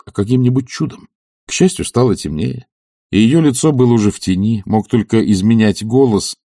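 Dark-voiced male audiobook narrator. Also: mid-range voice, no echo, clean studio sound.

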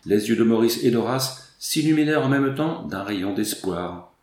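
A man narrating a classic novel as an audiobook, in a measured, expressive reading. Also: on the low side, roomy sound. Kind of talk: scripted literary narration.

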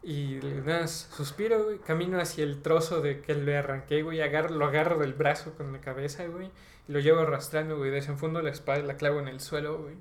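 A man's voice: a little high, fast. A man with a Mexican accent casually retelling a tabletop game session on a podcast, slangy and full of fillers. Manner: slangy, filler-heavy, ends phrases with "güey"; rambling, animated retelling with bursts of laughter. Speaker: podcast host. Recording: roomy echo, faint background ambience.

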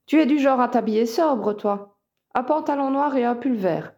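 A woman's voice: a little high, normal speed, mellow, dull audio, lightly acted. A woman voicing teasing young wizard Harry. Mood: cheerful. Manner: teasing, cheerful insistence.

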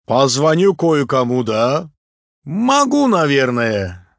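A male narrator voicing a big, cheerful, good-natured boat skipper who talks slowly and tags phrases with a questioning "da?". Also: mid-range voice, very animated, gravelly, no room sound, voice pushed up, exaggerated voice. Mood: calm. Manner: slow, drawn-out, ends phrases with a questioning "da?". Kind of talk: audiobook character voice.

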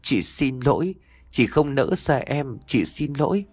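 A man's voice: medium pitch, sing-song, measured pace, husky, no room sound, voice pushed up, exaggerated voice. A man voicing the sad, tender ghost of a teenage girl in an audio story. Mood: sorrowful.

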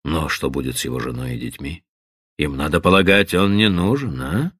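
A man's voice: very deep voice, normal speed, fairly bright tone, husky, no room sound, studio quality, pitched below the performer's own voice, exaggerated voice. A male reader voicing a sarcastic, hot-tempered older father in an audiobook, mocking and then thundering at his daughter. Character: stern older Irish-American father, sarcastic, furious.

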